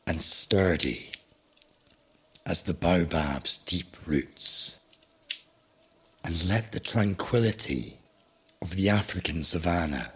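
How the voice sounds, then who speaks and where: A man narrating a scripted bedtime story, telling an ancient myth in a grave, soothing manner with a husky, breathy voice. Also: sits low, a bit bright.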